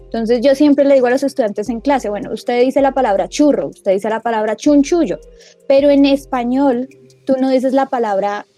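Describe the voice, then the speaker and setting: Warm-voiced woman explaining pronunciation. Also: a little high. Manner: patient teacherly explaining, sounding out example words. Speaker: language school co-founder, radio guest. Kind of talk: radio interview, explaining pronunciation.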